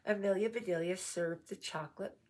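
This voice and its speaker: A woman reading a children's picture book aloud, with chatty asides to her dog. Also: fairly low pitch. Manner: slow, animated, chatty asides. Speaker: storybook reader.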